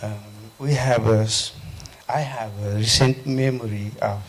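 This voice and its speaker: A man from Nepal in an audience, asking a panel a question at a conference, halting and repeating himself. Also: mid-range voice, steady tone. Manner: halting, repeats his question, frequent restarts. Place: conference hall.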